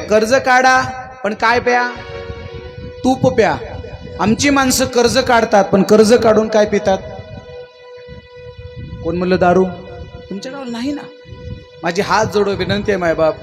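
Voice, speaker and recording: A man preaching a devotional sermon, telling the story in rhythmic lists and coaxing the crowd with questions. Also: sits high. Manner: folksy, coaxing the audience to answer. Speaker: kirtan preacher. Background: music.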